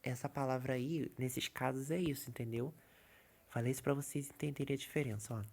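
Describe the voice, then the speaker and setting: A man's voice: mid-range voice, steady tone, gravelly, darkish tone, a little hiss or hum. A man teaching an English lesson in a casual online video, often checking in with his viewers. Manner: repeats filler checks like "tá" and "entendeu", explains slowly.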